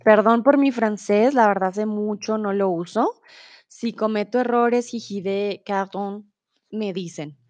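A woman's voice: mid-range voice, darkish tone, dry recording. A woman from teaching Spanish on a live stream, reading viewers' chat aloud and encouraging them patiently. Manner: patient, encouraging, repeats words slowly and switches to English.

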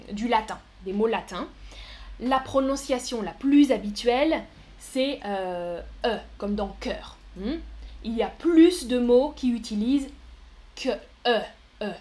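A woman giving a live pronunciation lesson, speaking slowly and carefully, repeating each word and laughing softly now and then. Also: on the high side. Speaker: French teacher.

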